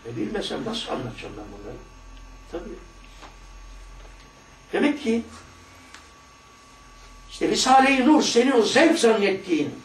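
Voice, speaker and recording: A man reading a religious text slowly and with emphasis, then dropping into quiet, chatty asides as he explains it. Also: fairly high pitch, slight background noise. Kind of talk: reading a text aloud and commenting on it. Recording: echoey room, far from the mic, faint ambience.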